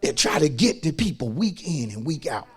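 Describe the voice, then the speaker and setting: In a slightly high, sing-song voice that's raspy and gravelly, an American pastor delivers a fervent sermon at normal speed. He is folksy and emphatic, repeating phrases and moving between hushed asides and shouting.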